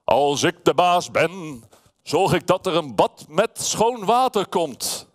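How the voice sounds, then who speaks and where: A man doing a slow, proud toy hippo. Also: a little high, expressive, voice pushed up. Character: hippo toy wanting to be boss.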